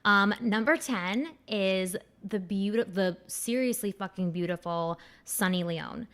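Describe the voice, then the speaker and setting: A woman's voice: medium pitch, a little slow, a bit bright. A young woman hosting a podcast, chatting in a candid, crude and rambling way with lots of fillers. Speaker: podcast host. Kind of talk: casual chat.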